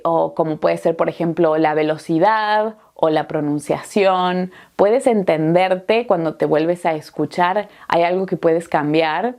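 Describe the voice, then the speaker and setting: A woman from Argentina with a lowish, darkish voice and an Argentine accent teaches Spanish in a friendly, encouraging way. She's chatty, laughs easily and fills her speech with lots of "eh."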